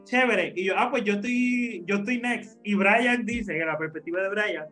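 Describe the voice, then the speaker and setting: A man with a high voice tells a story among friends on a podcast. He talks in a loose, casual way, laughs a lot and slips English words into his talk. Faint music plays underneath. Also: moderate pace. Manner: lively, laughs often, mixes in English words. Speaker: podcast co-host.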